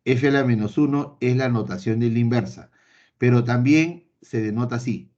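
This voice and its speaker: In this slightly dull, lo-fi recording of an online math class, a man with a mid-range, somewhat dark voice addresses his students directly. He hammers home key points through repetition and emphasis, and at times jokingly plays a pretend student replying to him.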